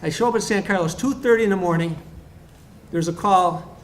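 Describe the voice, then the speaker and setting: A man telling stories and jokes at a tribute roast, with quick asides to the crowd. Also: high voice, slight background noise. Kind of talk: stand-up style joke telling at a tribute. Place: bar event room.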